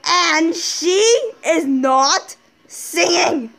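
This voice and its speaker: A young girl co-hosting a game video at home, teasing her partner in a halting way. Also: very high-pitched, a bit bright, poor audio. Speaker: co-host. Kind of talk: casual let's-play chat. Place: living room in front of a TV. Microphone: phone camera filming the TV.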